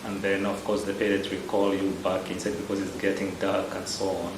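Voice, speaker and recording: Kenyan priest, low voice, echoey room. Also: male voice, monotone, noisy background. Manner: measured, unhurried, with frequent hesitations. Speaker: parish priest. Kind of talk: answering interview questions. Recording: roomy echo with loud background ambience.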